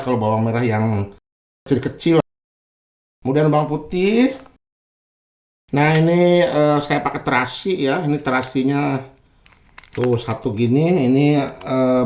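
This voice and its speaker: A man's voice: mid-range voice, roomy sound. A man with an Indonesian accent hosting a home cooking tutorial in his kitchen, chatty and friendly, tacking "ya" onto his phrases. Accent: Indonesian, with Sundanese terms. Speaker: cooking channel host. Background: frying and sizzling.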